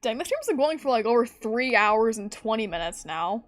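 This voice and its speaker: A woman's voice: on the high side, big pitch swings, normal speed, no room sound. Giggly woman streamer, dry close mic. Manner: giggly, rambling, laughs often. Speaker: streamer host. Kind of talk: casual chat.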